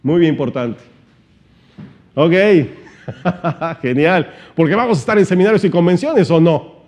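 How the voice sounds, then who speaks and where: A man giving an animated seminar-style teaching talk, shifting his volume and pitch and asking many rhetorical questions. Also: unhurried. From Mexico. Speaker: motivational trainer.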